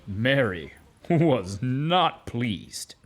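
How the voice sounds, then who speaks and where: A man playing a weary, aggrieved donkey who tells his journey for a children's audio drama, with deliberate dramatic pauses. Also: mid-range voice, big pitch swings, heavily acted. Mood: rueful. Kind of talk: first-person children's audio drama narration. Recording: noisy, with animal and cricket ambience.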